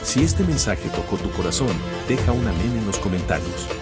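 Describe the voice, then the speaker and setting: A man's voice: fairly low pitch, animated, normal speed. A man delivering an epic religious scripted narration in a solemn, dramatic, declamatory way. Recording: loud music under the voice. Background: loud musical score.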